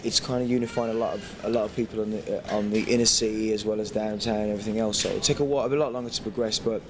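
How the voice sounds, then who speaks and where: A man's voice: on the low side, fairly even intonation, rapid-fire. A man from England, chatting in a casual interview, rambling, swearing and laughing often. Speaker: guest DJ. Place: airport. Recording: noisy location recording.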